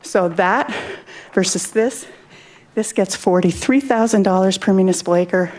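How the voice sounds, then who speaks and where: A woman's voice: medium pitch, normal speed, darkish tone. A woman speaking at a city council public comment, out of breath and drifting away from the mic as she demonstrates. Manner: moves around while talking, drifting off the mic.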